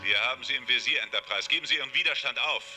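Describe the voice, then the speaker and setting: A man's voice: mid-range voice, racing, over music. An actor playing a stern male alien starship subcommander, speaking curtly and commandingly, heard over a starship viewscreen. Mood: threatening. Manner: curt, commanding. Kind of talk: dubbed TV drama acting.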